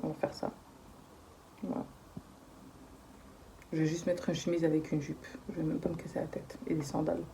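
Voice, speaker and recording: A woman's voice: low-pitched, level tone, moderate pace, gravelly, long pauses, dark tone, slight background noise. A woman, chatting casually to camera about her day in a slangy, storytelling way. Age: late 20s. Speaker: vlogger and university student. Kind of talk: casual vlog talk to camera. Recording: roomy echo.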